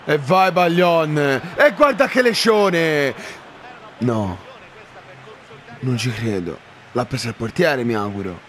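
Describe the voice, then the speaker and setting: A man commentating his own football game, excitable, shouting at chances and swearing at misses. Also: fairly high pitch, slow pace, long pauses, a little hiss or hum. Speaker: gaming YouTuber.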